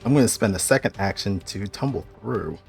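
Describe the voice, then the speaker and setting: A man plays a tabletop game and talks casually through his turns. His voice is on the low side with plenty of creak. Music plays behind him. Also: lively intonation, a little fast.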